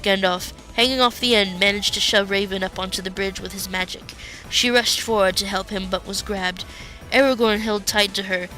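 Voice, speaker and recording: Woman story reader, bright voice, faint music behind. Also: mid-range voice, fairly even intonation, moderate pace. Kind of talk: reading fan fiction aloud.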